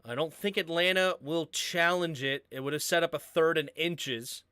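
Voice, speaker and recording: Bright, high-voiced man calling plays. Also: normal speed, clear, resonant tone, no echo. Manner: erupts into shouting on big plays, frustrated muttering over tech trouble. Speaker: sports stream host. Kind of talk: live play-by-play commentary.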